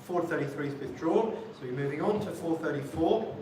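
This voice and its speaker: A man's voice: on the high side, a little fast, mellow. A man working as an auctioneer in a live sale, politely calling lots and repeating bids in a rhythmic chant. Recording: very echoey room, distant mic, faint noise.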